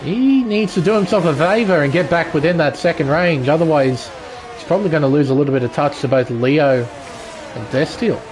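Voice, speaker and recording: A man's voice: fairly high pitch, a little fast, rough recording. A man doing live motorsport commentary, calling the race action move by move. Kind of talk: live sim racing commentary. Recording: loud vehicle noise behind. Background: racing car engine noise.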